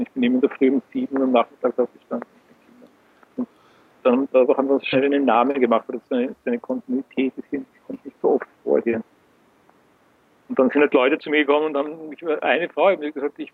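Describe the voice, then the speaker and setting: A man in his fifties from Austria, speaking, answers an interview over a low-quality Skype call and rambles, often correcting himself. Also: vocal fry, slightly rough, no room sound. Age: 50s. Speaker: founder of an education center. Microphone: video call. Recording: tinny, dry internet call audio.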